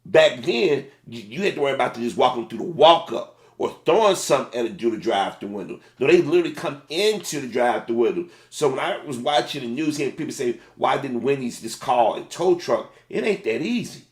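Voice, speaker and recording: A middle-aged man, a former fast food manager, giving casual, plain-spoken commentary on a video. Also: medium pitch, sing-song, echoey room.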